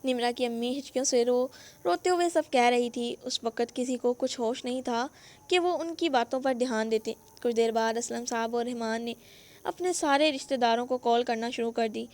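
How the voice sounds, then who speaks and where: A woman's voice: fairly high pitch, a little mellow. A woman narrating an emotional novel as an audiobook reader.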